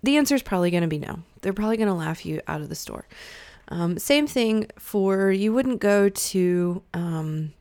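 A woman's voice: mid-range voice, expressive, moderate pace, a little mellow, no echo. A woman coaching freelance writers in a chatty, emphatic way, often laughing and acting out quoted lines. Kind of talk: instructional talk to camera.

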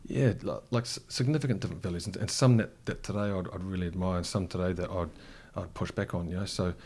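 Here a cafe co-founder with a New Zealand accent, middle-aged, looks back on his past during a reflective interview. He talks fast in a low, husky, slightly mellow voice with fairly even intonation, frequently restarting and filling pauses.

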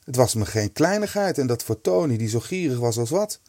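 A man's voice: medium pitch, very animated, fairly quick, a little mellow, no room sound. Dry-sounding man reading a children's story. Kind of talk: storybook narration.

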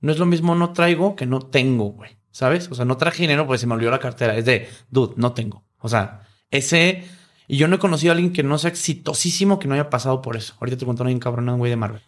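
As an interview guest, this middle-aged Mexican man talks fast at a medium pitch, his Mexican Spanish accent clear. His stories come loaded with slang and swearing, and he performs the voices of everyone involved.

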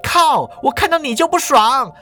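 A man voicing a catty, boastful young male student with a shrill, bragging delivery. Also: expressive, moderate pace. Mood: shrieking.

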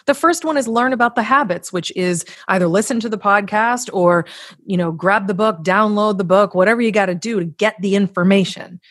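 An author and coach guesting on a podcast, this woman speaks a little fast in a mid-range voice, recorded at studio quality with no room sound. Her motivational advice is conversational, blunt, emphatic and casually sweary, with acted-out examples.

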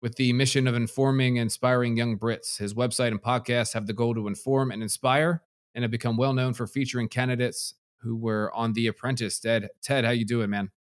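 A man's voice: medium pitch, fairly even intonation, brisk. An American man hosting a podcast, laid-back and casual, often saying "man" and "awesome". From United States. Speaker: podcast host. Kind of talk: casual interview chat.

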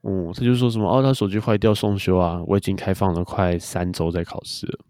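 A man's voice: low-pitched, fairly even intonation, a little fast, dark tone, dry recording, studio quality. A young man, chatting casually as a podcast co-host and telling stories. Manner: chatty storyteller. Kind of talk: casual chat.

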